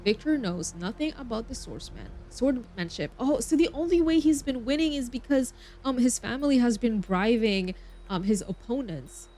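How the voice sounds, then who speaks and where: A woman game streamer reads story text aloud, now and then stumbling over words and breaking off into expressive asides. Her voice is a little high and she speaks at a normal speed, with music in the background.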